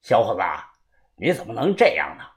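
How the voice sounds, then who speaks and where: A man's voice: mid-range voice, huge pitch swings, brisk, gravelly, voice pushed down. A man doing a wheedling old Beijing jade buff. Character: fussy retired old man, jade collector.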